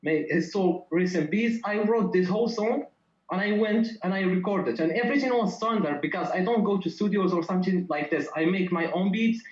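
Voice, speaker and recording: A man, a contestant artist talking earnestly and loudly on a video call in loose phrasing. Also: high voice, a little fast. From Morocco. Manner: loud, earnest, speaking in loose non-native phrasing. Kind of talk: online showcase interview. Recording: echoey, muffled video call audio.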